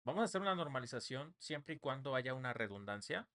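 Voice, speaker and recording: A young man teaches a live online class, checking in with his listeners through short tag questions as he explains. His voice sits at a medium pitch and his delivery stays conversational. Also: sing-song, quick pace, fairly bright tone. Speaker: online workshop instructor. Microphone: computer mic on a live stream.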